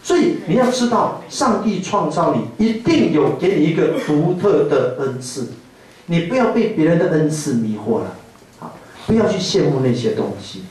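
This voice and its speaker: A male pastor with a Taiwanese Mandarin accent, giving a playful, animated sermon to a youth camp. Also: on the high side, normal speed, slight background noise. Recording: echoey hall from far off.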